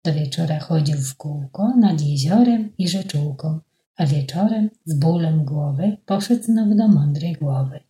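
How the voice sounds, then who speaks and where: A woman's voice: sits low, animated, a little slow, dark tone. A woman reading a children's story aloud in a rhythmic, rhyming way, in an echoey room.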